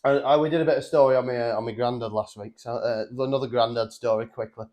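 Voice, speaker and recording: A man's voice: medium pitch, fairly even intonation, fast talker, darkish tone. A young man co-hosting a comedy podcast, swearing often, laughing and restarting his sentences. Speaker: podcast co-host. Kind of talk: casual comedy chat.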